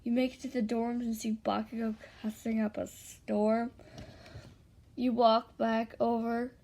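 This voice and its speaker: A woman's voice: a little high, flat delivery, unhurried, mellow. A young woman reading her own fan fiction aloud in a tired, plain way, with small slips. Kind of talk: reading a self-written fan story.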